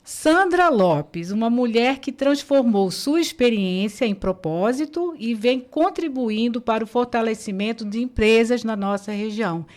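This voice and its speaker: A woman's voice: a little high, animated, measured pace, hardly any pauses, a little mellow. A woman hosting an interview, reading a scripted introduction and asking friendly questions. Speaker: interview host.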